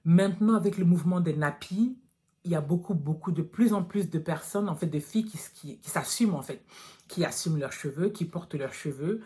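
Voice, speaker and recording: A woman's voice: on the low side, a little fast, dark tone. A woman in her thirties from France, talking to her viewers in a casual vlog, frank and direct, calling them girls. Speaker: natural hair vlogger.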